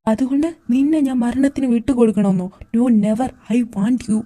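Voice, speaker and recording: A woman's voice: on the high side, normal speed, mellow, lightly acted. A woman voicing a worried young husband in a fan audio drama, pleading and tender with his wife.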